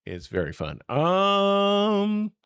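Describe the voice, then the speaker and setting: A man's voice: sits high, wildly swooping pitch, very slow, fairly bright tone, clean tone, dry recording, studio quality. A young man hosting a casual gaming stream, chatty and laid-back, talking while his voice is worn. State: losing his voice. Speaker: streamer host.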